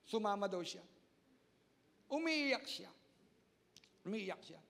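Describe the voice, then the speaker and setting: A man preaching a sermon as pastor, emphatic and repetitive, swinging between loud and soft. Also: sits high, lively intonation, slow pace, gravelly. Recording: long hall reverb.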